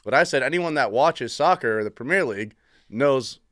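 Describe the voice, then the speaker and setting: A brash man hosting a casual sports podcast. He teases and swears freely in an everyday mid-pitched voice, recorded close and dry. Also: expressive, normal speed, a bit bright, no echo. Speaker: podcast host.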